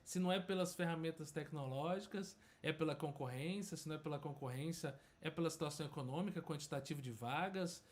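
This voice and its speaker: A man's voice: fairly high pitch, quick pace, few pauses. Brazilian man hosting a chat. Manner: agreeing, frequent short affirmations. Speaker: host. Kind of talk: casual conversation.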